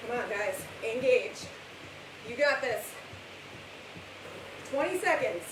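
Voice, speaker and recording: A woman's voice: on the high side, expressive, takes it slowly. A woman working as a fitness instructor, calling out encouragement, cues and countdowns as she exercises through a live workout class. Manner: exerting herself while talking through the exercises. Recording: echoey room, far from mic, loud hiss.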